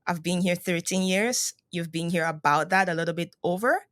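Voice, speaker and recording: A woman's voice: fairly low pitch, normal speed, fairly bright tone, no room sound, studio quality. A woman from Cameroon hosting a podcast, speaking in an effusive, praising way. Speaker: podcast host. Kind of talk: podcast interview host.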